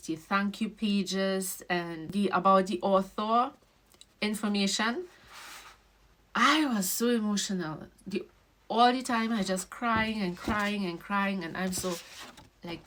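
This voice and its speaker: Woman, book author, casual vlog, halting, repeats herself, trails off soft. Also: a little hiss or hum. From Trinidad and Tobago. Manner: halting, repeats and restarts phrases, voice dropping soft and low. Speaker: children's book author and illustrator. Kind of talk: casual emotional vlog talk.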